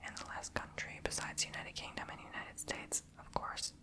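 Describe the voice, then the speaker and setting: An ASMR video host whispers softly into a close mic. She slowly repeats each foreign word again and again.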